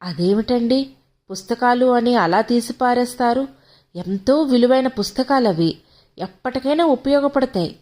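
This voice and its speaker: Lady reading as a timid young wife, pleading in a lifted high voice, audiobook. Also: animated, moderate pace. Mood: hurt. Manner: pleading, hurt.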